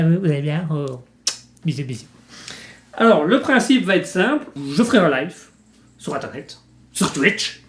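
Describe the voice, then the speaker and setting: A man's voice: on the high side, reverberant, slight background noise. A man hosting his improv channel, explaining it in a rambling, self-mocking, playful way. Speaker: channel host. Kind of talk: comic improv vlog. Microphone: facing the camera.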